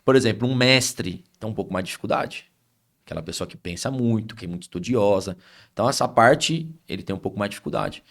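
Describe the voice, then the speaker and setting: A man's voice: on the low side, fast talker, creaky. A man with a Brazilian Portuguese accent, an itinerant pastor telling ministry stories in a podcast conversation.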